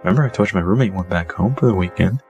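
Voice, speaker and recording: A man's voice: low-pitched, rapid-fire, dark tone, faint music behind. A man playing a coaxing young boyfriend. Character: smooth, eager young boyfriend.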